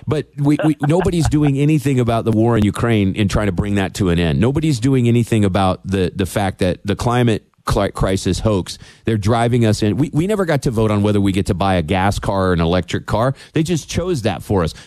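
A radio talk show host interviewing a guest, opinionated and getting worked up. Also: male voice, on the low side, expressive, fairly quick, hardly any pauses, a little mellow, no room sound.

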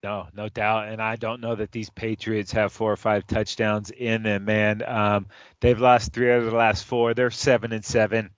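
A man's voice: on the low side, flat delivery, normal speed, clean tone, no room sound, highs cut off. Casual man talking football picks, dry sound. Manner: loose, jokey, calls his partner dude. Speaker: sports podcast co-host. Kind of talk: casual sports chat.

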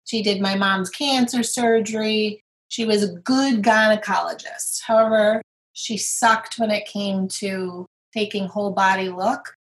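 A woman's voice: medium pitch, a little slow, rough recording. A middle-aged woman, a guest on an interview, speaking candidly and earnestly about her own experiences. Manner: earnest, retelling scenes with lively quoted voices. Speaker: guest sharing her recovery story. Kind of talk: candid personal storytelling.

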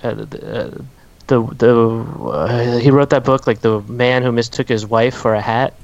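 A man chatting on a casual podcast, halting and stumbling over repeated words as he gropes for what he means. The sound is dry and a bit muffled, with a lo-fi dullness. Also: mid-range voice, fairly even intonation, gravelly, no room sound. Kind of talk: casual chat. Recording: dull, dry lo-fi podcast audio.

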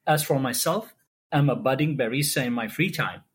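A man's voice: medium pitch, moderate pace, husky. A man from Saudi Arabia, a cardiology fellow, giving a polite, formal self-introduction as a podcast guest.

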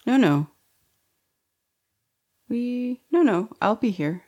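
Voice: mid-range voice, expressive, slow, warm tone, muffled recording. A therapist co-hosting a podcast in casual chat, giving dry, short replies.

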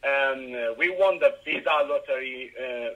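A middle-aged Ethiopian rideshare driver with an Ethiopian accent is a guest answering interview questions, haltingly, with many fillers and restarts. His voice is mid-range, and the sound is phone quality.

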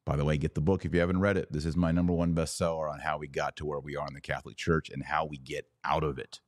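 A low-voiced American man, a podcast host and religious commentator, runs a live commentary show and speaks directly to his viewers with emphasis, repeating words to hammer his points home. He talks quickly with little pitch movement. The recording is dry, with almost no room sound and no echo.

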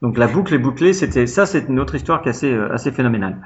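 A man from France tells a long childhood story as an interview guest, rambling warmly with plenty of fillers and restarts. His pitch sits in an ordinary middle range. The recording sounds a little dull and lo-fi. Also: very fast. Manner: chatty, animated anecdotes with many fillers. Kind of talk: casual storytelling.

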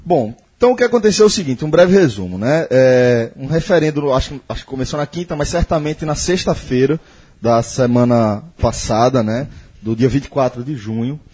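A man's voice: mid-range voice, lively intonation, fairly quick, darkish tone, slightly rough. A man hosting a casual podcast, explaining the topic at length and often tagging his sentences with short questions. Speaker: podcast host.

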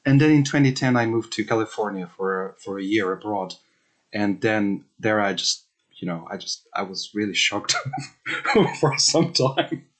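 A man's voice: on the low side, expressive, normal speed, fairly bright tone. A man from Hungary in his thirties, a researcher answering interview questions thoughtfully, with many fillers and restarts.

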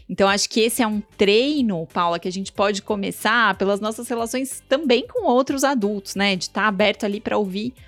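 A woman hosts a podcast and lays out her thoughts in a calm, explanatory way. The recording is dry and close, with no room sound. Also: mid-range voice, dry recording. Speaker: podcast host. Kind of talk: casual chat.

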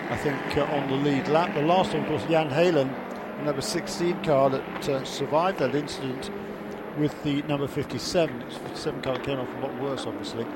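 A man's voice: medium pitch, fairly even intonation, fairly quick. A man giving live motorsport commentary and analysis, slightly hesitant as he works through the race order. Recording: loud trackside car noise. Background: loud race cars and track ambience.

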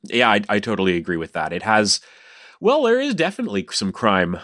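Casting: male podcast co-host, very deep, dry close sound, stop-start delivery. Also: huge pitch swings, fairly bright tone, dry recording. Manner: halting, repeats words, laughs easily. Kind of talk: casual podcast chat.

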